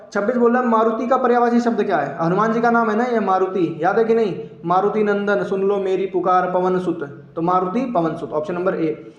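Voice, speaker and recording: A young man from eastern Uttar Pradesh with a Purvanchal accent, teaching an online exam-prep class, joking and repeating each answer for his students. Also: high-pitched. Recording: roomy, dull lo-fi sound.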